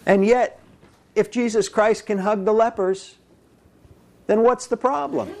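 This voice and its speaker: A man preaching a sermon, animated and folksy, acting out little voices and dialogue as he speaks. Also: high-pitched, measured pace, gravelly. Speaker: pastor.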